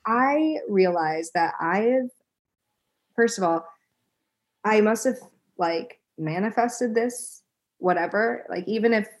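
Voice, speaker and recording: A young woman talking as a guest on a podcast, chatty and animated, laughing often. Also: mid-range voice, takes it slowly. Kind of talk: casual chat.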